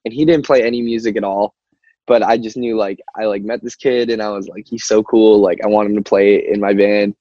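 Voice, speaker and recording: A warm, low-leaning male voice, brisk with fairly even intonation, comes from a young band singer from Albany, New York, chatting as an interview guest. His casual talk rambles, leaning on "like" and "you know," and he laughs without effort. The recording is muffled and roomy, like call audio.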